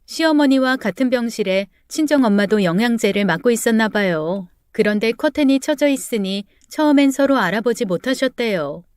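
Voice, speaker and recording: A woman narrating a true family story in a steady, plain storytelling tone. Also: fairly high pitch, clear, resonant tone, no echo, clean studio sound.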